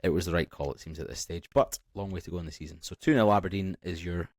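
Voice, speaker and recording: Deep-voiced man hosting. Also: fast talker, a little mellow, no room sound, studio quality. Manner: bantering, leads the segments. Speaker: podcast host. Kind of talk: casual podcast chat.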